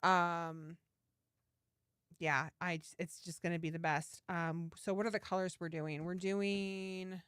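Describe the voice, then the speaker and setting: A woman's voice: lowish voice, level tone, measured pace, fairly bright tone, clean tone, no echo, studio quality. A woman hosting a casual live stream, chatting enthusiastically and reading out viewer comments. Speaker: livestream host, yarn dyer. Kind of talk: casual livestream chat.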